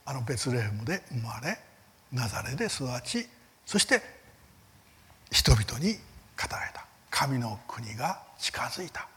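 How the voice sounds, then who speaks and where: Male Bible teacher, church seminar lecture; earnest, emphatic, with rhetorical questions and a very animated, rising and falling pitch. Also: measured pace. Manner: lively rises in pitch on key words, soft fading line ends.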